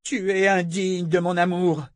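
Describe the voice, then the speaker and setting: A man's voice: sits high, level tone, unhurried, no room sound, clean studio sound, pitched above the performer's own voice. A man voicing a young woman inquisitor, urgent and emphatic, in a raised voice, as part of an audiobook reading. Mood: commanding. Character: desperate young woman inquisitor, fierce and pleading.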